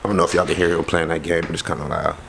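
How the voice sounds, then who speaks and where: A young man telling a story casually to a handheld camera in and around his house, slangy and animated, acting out the people he quotes. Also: deep voice, racing, gravelly, background noise. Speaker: vlogger. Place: house interior and front porch. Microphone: handheld camera close to face.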